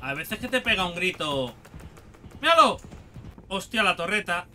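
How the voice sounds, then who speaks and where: Un hombre con acento de España que comenta una partida de un videojuego de forma desenfadada, grita a los monstruos y suelta tacos a cada rato. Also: male voice, high-pitched, normal speed, faint music behind. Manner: excitable, shouting and swearing at monsters. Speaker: gaming YouTuber. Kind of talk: casual let's-play commentary.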